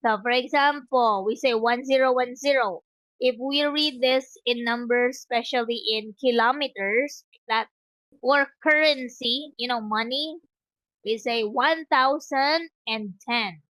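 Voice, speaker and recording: A high-voiced woman tutor who speaks slowly and patiently, breaking each point into small steps. The sound is dry and close, as if spoken into a headset on a video call. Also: a bit bright, no room sound. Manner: slow, patient, explains step by step. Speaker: English tutor. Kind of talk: online one-on-one English lesson.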